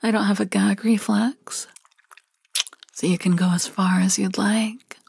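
A woman in an intimate ASMR roleplay, speaking in a soft murmuring whisper with hums and sighs. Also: medium pitch, steady tone, measured pace, creaky, breathy edge, no room sound. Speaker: roleplay narrator.

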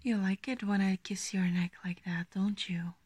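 A woman doing a whispered role-play as an affectionate, gently dominant girlfriend, speaking slowly and intimately in a coaxing half-whisper. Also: mid-range voice, fairly even intonation, husky, no room sound, natural voice. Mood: tender, soothing.

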